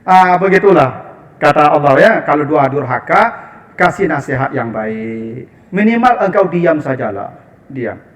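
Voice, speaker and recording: A male preacher with a Minangkabau accent delivers a sermon in a high, ringing voice. He talks in an animated, joking way and keeps calling out to the women in front of him. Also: a little slow. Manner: animated, humorous, addressing the women as "ibu".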